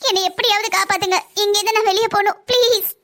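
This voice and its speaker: Woman voicing a pleading young wife, very high-pitched. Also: fast, fairly bright tone. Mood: desperate. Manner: pleading, tearful. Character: young married daughter, frightened and pleading. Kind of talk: cartoon story voice acting.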